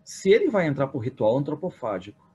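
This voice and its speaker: A man teaching a literature class for entrance exams, retelling a story and often adding quick tag questions. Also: mid-range voice, big pitch swings, a little mellow, breathy edge, lo-fi sound. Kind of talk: exam-prep literature lecture.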